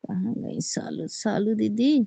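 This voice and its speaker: A woman's voice: medium pitch, fairly even intonation, slow, creaky, warm tone, slightly rough, no room sound. A woman with an Awadhi accent, a folk singer chatting casually on a live stream and reading viewers' comments aloud before answering them.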